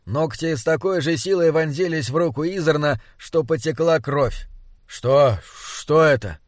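A man narrating a fantasy audiobook in a measured, dramatic storytelling manner. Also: fairly high pitch, dry recording, clean studio sound. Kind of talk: scripted narration.

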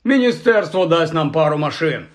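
Earnest, weary wizard father, read by a man, grave and measured. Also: a little high, big pitch swings. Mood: awkward. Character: middle-aged wizard father, tired and earnest.

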